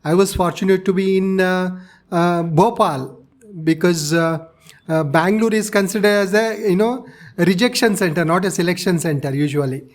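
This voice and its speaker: A man in his sixties speaks with a South Indian accent in a notably high-pitched voice. He answers as an interviewee, laying out his experiences step by step in a measured, explanatory manner. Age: 60s. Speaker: interviewee, retired navy officer. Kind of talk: interview, recounting personal experience.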